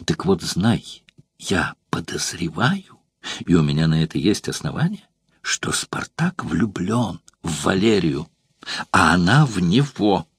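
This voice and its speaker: A man reading an audiobook voices an old, dissolute male actor, speaking in a guarded, confiding manner with a husky low voice. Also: big pitch swings, measured pace, no room sound, full character voice. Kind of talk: audiobook character voicing.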